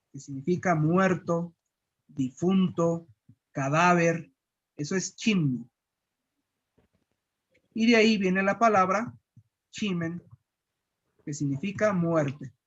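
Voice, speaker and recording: Un profesor de Guatemala que enseña pronunciación con calma, repitiendo sílabas despacio. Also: medium pitch, muffled recording. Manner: patient, repeats syllables slowly. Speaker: language teacher. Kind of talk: slow pronunciation lesson.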